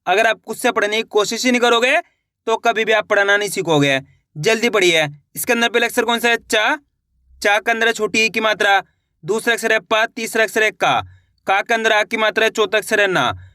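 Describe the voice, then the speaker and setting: Male reading tutor, encouraging, syllable-by-syllable dictation, bright clear voice, dry close recording. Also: high voice, no room sound. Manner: drawn-out slow dictation of syllables, then quick explanations; encouraging, addresses viewers as friends. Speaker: Hindi reading teacher. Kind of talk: slow syllable-by-syllable reading lesson.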